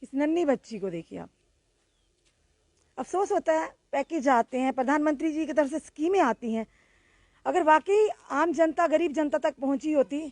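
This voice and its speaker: Woman field reporter, high voice, dry close sound, earnest appeal to the audience. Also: lively intonation, normal speed, darkish tone, no echo. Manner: soothing with a crying child. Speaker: local news reporter.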